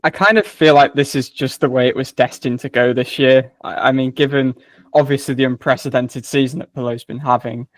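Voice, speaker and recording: A man's voice: medium pitch, steady tone, brisk, no echo. Rambling male podcast co-host. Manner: rambling, self-correcting. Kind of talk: casual podcast chat.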